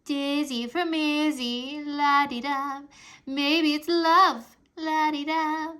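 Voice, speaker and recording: A bossy, teasing schoolgirl from a storybook who loves to mock, as a woman puts her on. Her voice is high and bright, with a sing-song lilt. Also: very animated, normal speed, exaggerated voice.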